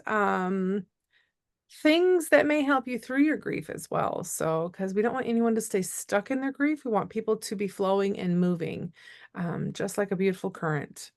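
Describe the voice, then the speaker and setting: A woman hosting a grief podcast, speaking in a gentle, encouraging way. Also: mid-range voice, dry recording, studio quality. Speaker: podcast host. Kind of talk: podcast interview.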